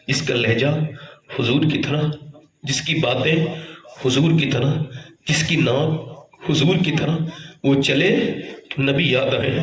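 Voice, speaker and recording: A man preaching a sermon as a story, fervent and rising to shouts at the high points. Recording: echoey, voice heard from afar.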